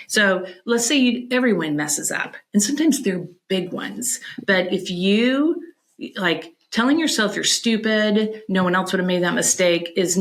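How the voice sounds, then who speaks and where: A middle-aged woman, a podcast guest, chatting casually and telling animated stories, often restarting her sentences. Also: medium pitch. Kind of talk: casual chat.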